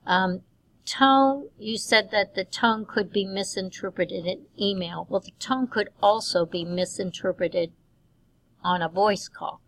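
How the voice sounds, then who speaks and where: Slow, gravelly woman instructor. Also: medium pitch, fairly bright tone, no room sound, low-quality recording. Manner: measured, with frequent um fillers. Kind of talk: recorded course feedback lecture.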